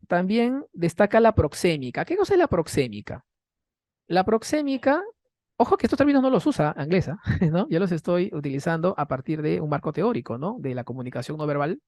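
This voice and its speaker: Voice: mid-range voice, a little mellow, no room sound, clean studio sound. A conference panelist gives an academic lecture to a seated audience from a stage. The speaker keeps checking in with tag questions and rhetorical questions, and often restarts with repeated words. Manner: frequent false starts and repeated words. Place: university hall, speaking from a raised stage facing a seated audience.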